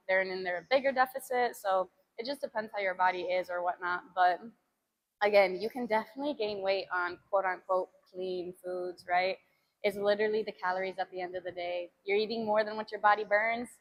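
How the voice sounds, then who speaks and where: A young woman from the United States chatting casually with her live-stream viewers about training and diet, rambling with lots of fillers. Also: medium pitch. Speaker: fitness streamer.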